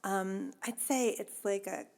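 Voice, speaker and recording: A woman's voice: medium pitch, fairly even intonation, measured pace, creaky, a little mellow. A woman hosting a podcast in a chatty, casual way, laughing often and using many fillers. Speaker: podcast host. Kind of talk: casual chat.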